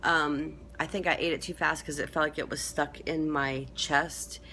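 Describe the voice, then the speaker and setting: A woman's voice: low voice, fairly even intonation, normal speed, bright, forceful tone, slight background noise. A woman giving a casual, rambling update to camera, chatting with lots of fillers. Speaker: vlogger.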